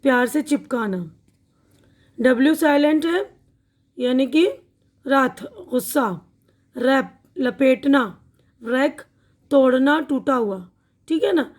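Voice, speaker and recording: A woman teaching an online spoken-English lesson, explaining words slowly and repeating each one, often checking in with her listeners. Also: sits high. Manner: checks in with "theek hai na".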